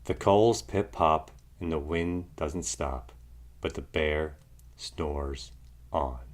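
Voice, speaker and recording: A man reading a children's picture book aloud in an expressive narrating style. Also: a bass voice, slow, a little hiss or hum. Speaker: storybook reader.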